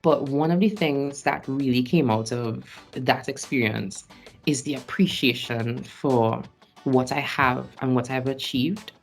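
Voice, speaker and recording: Faint music runs beneath a casual interview with a Trinidadian man in his late twenties who acts on stage and sings. He reflects on his experiences in an unhurried, creaky mid-range voice, breaking into laughter between phrases again and again.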